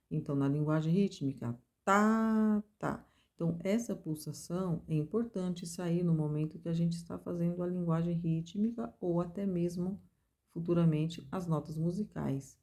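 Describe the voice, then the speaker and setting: A woman with a low, mellow voice teaches a music theory class. She explains each point step by step and chants rhythm syllables to mark the strong beats. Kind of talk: recorded music theory lesson.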